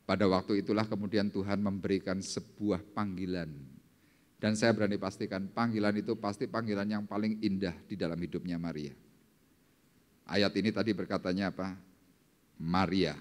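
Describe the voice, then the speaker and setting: A male pastor preaching a sermon, slowing down and lifting his voice dramatically when he reads scripture. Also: little pitch movement. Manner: dramatic, slowing down and rising in pitch for scripture quotes. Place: church service hall. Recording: long hall reverb in a church.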